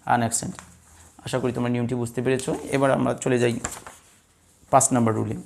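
A male teacher from Bangladesh gives a classroom-style lesson, asking his students questions and answering them himself. His voice has a gravelly, creaky edge at a middle pitch. He talks patiently and repeats each rule several times. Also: level tone, brisk, darkish tone, slight background noise. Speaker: English teacher. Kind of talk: blackboard lesson explaining word stress.

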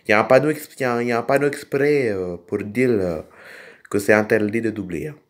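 A man's voice: fairly low pitch, quick pace, lightly acted. A man voicing a hesitant adult tractor driver who speaks with a put-on odd accent and stumbles over his words. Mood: insistent, apologetic. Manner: hesitant, stumbling with many fillers. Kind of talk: toy figure film role-play.

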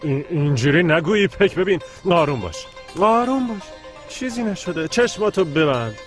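A man's voice: sits high, expressive, faint music behind. A man dubbing a playful young man in a TV comedy drama, talking in a coaxing, mock-soothing way.

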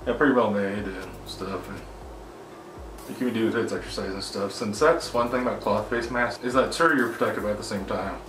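A man's voice: lowish voice, normal speed. A man talking through a face mask in a casual, rambling product review, full of fillers. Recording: echoey room, mic at a distance, clear background noise.

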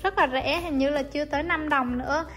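High-voiced chatty woman. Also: brisk. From Vietnam. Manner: chatty, friendly step-by-step explaining. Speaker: cooking vlogger. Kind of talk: casual cooking voice-over. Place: home kitchen. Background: soft background music.

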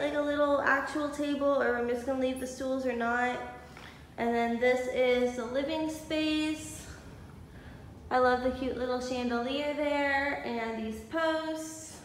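A woman in her twenties casually touring her empty new apartment on a handheld phone, chatty and upbeat. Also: high-pitched. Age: 20s. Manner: chatty, upbeat, says "cute little" a lot. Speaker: vlogger. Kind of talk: casual house-tour vlog. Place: empty apartment with bare walls. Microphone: handheld phone camera. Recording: echoey empty rooms, faint room hiss.

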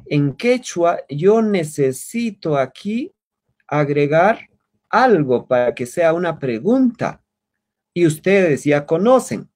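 Slow-paced man teaching over a video call. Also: fairly high pitch, big pitch swings, a little mellow. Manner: patient, repeats words slowly for learners. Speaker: language teacher. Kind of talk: online class teaching.

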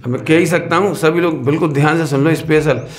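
A man giving a sermon in a lively, questioning way, who sometimes sings verse lines. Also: on the high side, fast. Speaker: religious teacher. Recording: echoey hall with some noise.

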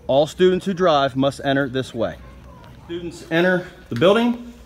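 A young man reads instructional voice-over in a plain, steady way. His voice sits a touch high for a man. A faint hiss runs under it. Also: moderate pace. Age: young adult. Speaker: student news narrator. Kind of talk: scripted voice-over narration.

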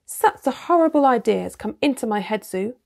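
An earnest, imaginative little girl, voiced by a woman reading a storybook. She sounds wondering and sincere, in a mellow tone with a faint rasp. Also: a little high, expressive, brisk. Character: imaginative, thoughtful youngest girl.

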